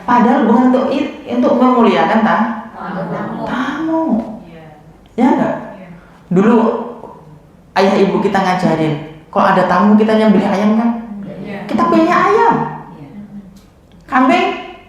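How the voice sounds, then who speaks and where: A woman preaching a sermon to a women's study group in a lively, colloquial way, full of rhetorical questions. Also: mid-range voice, normal speed, pauses often. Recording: very echoey, dull lo-fi hall recording.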